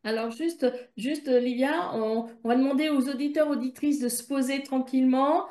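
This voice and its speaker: High-voiced French woman host, roomy sound. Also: steady tone, normal speed, mellow. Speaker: podcast host. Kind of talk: casual podcast interview. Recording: roomy echo.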